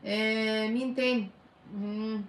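A woman's voice: fairly high pitch, steady tone, unhurried, roomy sound. A middle-aged woman with an Egyptian Arabic accent, a family counselor hosting a live stream, reading viewer comments and giving firm, emphatic advice.

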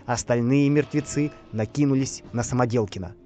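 A man reading a bedtime story aloud in an expressive, lively way. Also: mid-range voice, normal speed, soft background music. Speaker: narrator.

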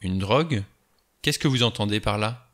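A prickly, defensive doctor, as a man reads him, snapping back with curt, acerbic replies. The voice is bright and forceful, pitched a little low. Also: moderate pace, lightly acted.

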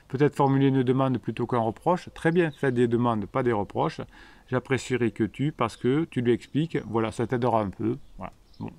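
French male coach, mid-pitched, emphatic and teasing, scolds viewers playfully on a live stream. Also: darkish tone, no echo. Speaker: relationship coach. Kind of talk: live-stream reading comments.

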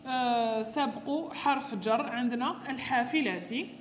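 Woman, Algerian Arabic accent, patient explanation of homework, slightly high voice, roomy reverb. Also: a little hiss or hum. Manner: patient and explanatory, reads items aloud then explains them slowly. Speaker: teacher explaining a homework sheet to parents. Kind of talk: explaining a school worksheet. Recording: echoey room with long reverb.

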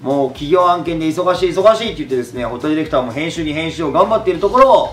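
A middle-aged man chats in a thick Kumamoto accent, joking and teasing as he goes. His voice sits a little high and swings widely. The room echoes, and music plays underneath. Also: lively intonation, rapid-fire, a bit bright. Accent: Kumamoto dialect. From Kumamoto, Japan. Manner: joking, teasing, laughs often. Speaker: YouTuber host. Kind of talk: casual chat.

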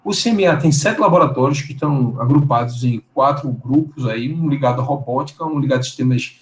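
A man's voice: mid-range voice, fairly quick, roomy sound, poor audio. A Brazilian man in his thirties giving an online lecture over slides on a video call, talking in a conversational way with many fillers and tag questions. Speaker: guest lecturer. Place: indoor room. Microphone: webcam on a video call.

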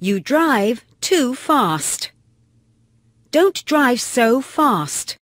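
Very slow, deliberate woman reading phrases. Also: fairly high pitch, sing-song, fairly bright tone, no room sound, studio quality. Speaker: English phrase reader.

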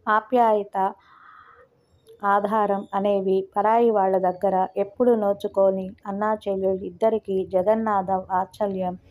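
A woman narrating a novel in a calm, measured storytelling manner. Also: medium pitch. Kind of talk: novel reading.

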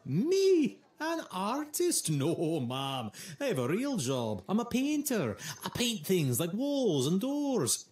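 A man's voice: takes it slowly, few pauses, reverberant, exaggerated voice. An actor playing a proud, touchy male painter with a lilting Scottish accent and a genial manner. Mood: offended. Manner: lilting, genial, lively swings in pitch.

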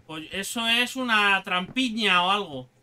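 Un hombre con acento de España que comenta una partida de un videojuego de forma desenfadada, grita a los monstruos y suelta tacos a cada rato. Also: male voice, high voice, unhurried, slight background noise. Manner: excitable, shouting and swearing at monsters. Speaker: gaming YouTuber. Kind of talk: casual let's-play commentary.

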